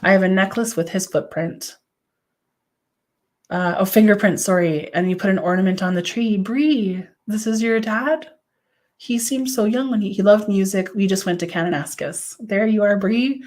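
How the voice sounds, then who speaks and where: A woman's voice: mid-range voice, normal speed, darkish tone. A woman psychic medium doing a live-stream reading. She gushes affectionately, uses many "like" fillers and answers viewers' comments aloud.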